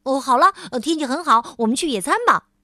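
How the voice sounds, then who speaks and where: An over-eager, bossy grown man from a children's storybook who rushes everything, as a woman puts him on. He speaks high and loud in quick bursts of exclamation. The sound is close and dry. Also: no room sound. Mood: hurried. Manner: brisk, loud, excited exclamations. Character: hyperactive, hurried, bossy grown man always rushing.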